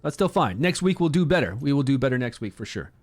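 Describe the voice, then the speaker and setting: A man's voice: mid-range voice, sing-song, fast. A man casually commenting during a game livestream, chatting with viewers and greeting them by name. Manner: upbeat, promotes the game.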